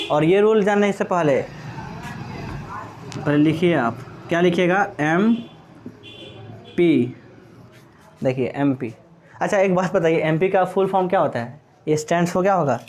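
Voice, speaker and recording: A man's voice: high voice, normal speed, a little mellow, a little hiss or hum. A man teaching English grammar in Hindi, asking questions and answering them himself and spelling words out letter by letter. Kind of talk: classroom-style lecture.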